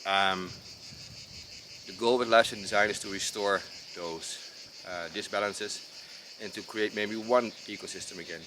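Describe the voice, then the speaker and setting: A designer from the Netherlands, speaking with a Dutch accent in a deep, low voice, explains his approach slowly, unevenly and hesitantly, pausing often with fillers and restarting sentences. His intonation is fairly even and his tone casual. Outdoors in rural mountains, crickets and insects chirp clearly amid the background noise.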